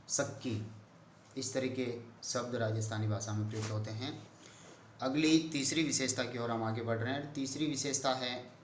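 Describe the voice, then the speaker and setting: A man giving a slow college lecture as an assistant professor of Hindi, repeating words to explain them. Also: mid-range voice. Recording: echoey room, faint background hiss.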